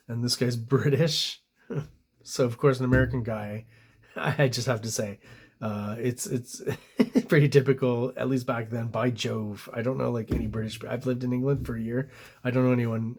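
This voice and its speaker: A man's voice: medium pitch, a little mellow. A man with an ordinary mid-range voice talks through comic book pages in a loose, casual way. He rambles, gropes for the right word and leans on ums and you-knows, but his enthusiasm for the artwork comes through. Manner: rambling, searches for words, frequent ums; enthusiastic about the art. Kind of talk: casual review commentary.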